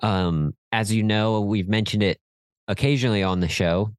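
A middle-aged man chats casually as a podcast co-host. He sounds encouraging and chuckles easily. His voice is very deep, and the recording is dry and close. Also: fairly even intonation, normal speed, no room sound. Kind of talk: casual chat.

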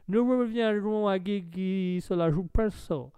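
Man doing a starchy English lord, prim and polite, smooth voice, dry sound. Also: high-pitched, slow, mellow, dry recording. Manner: stiff, polite, formal.

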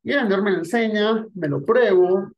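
In a muffled recording, a man with a high-sitting voice talks briskly through sales techniques. He is a sales coach, and his instructional monologue speaks directly and conversationally to the listener.

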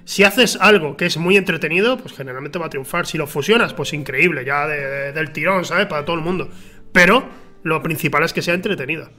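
A man with a Spain Spanish accent hosting a casual film chat, animated and opinionated, laughing often. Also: a little high, a little fast, faint music behind. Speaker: stream show host.

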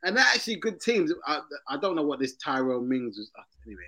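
A man's voice: on the high side, sing-song, fast, pushed and bright. A man with a London roadman accent hosting a casual football chat, slangy and often repeating his phrases. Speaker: football show host. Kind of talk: casual banter.

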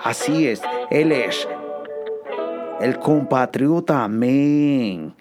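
A man's voice: mid-range voice, expressive, extremely slow, loud music behind the voice. A man hosting a joking casual monologue, laughing often and dropping slang and English words. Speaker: host.

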